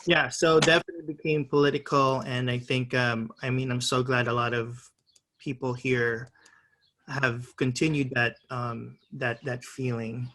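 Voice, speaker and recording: A man's voice: medium pitch, level tone, measured pace, a bit bright. A middle-aged man moderating an alumni panel on a video call, upbeat and prompting others with questions.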